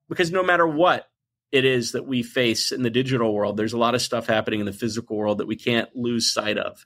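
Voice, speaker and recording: A man in his forties, a podcast guest talking in an emphatic, animated way, sometimes acting out what people say. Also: medium pitch. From United States. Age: 40s. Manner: emphatic, animated storyteller who acts out quotes. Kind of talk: conversational interview.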